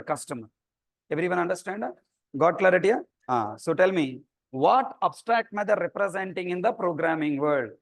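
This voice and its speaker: A man's voice: high voice, dry recording. A man with a Telugu Indian accent, a native Telugu speaker, lecturing like a programming teacher and often prompting students with short check questions. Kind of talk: interactive classroom lecture.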